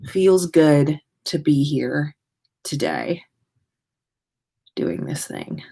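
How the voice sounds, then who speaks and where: Extremely slow, gravelly, and dark, her low voice swings widely in pitch and sounds slightly rough. The speaker is a tired American podcast host livestreaming from her own room, chatting in a rambling, informal, playful manner with sing-song asides.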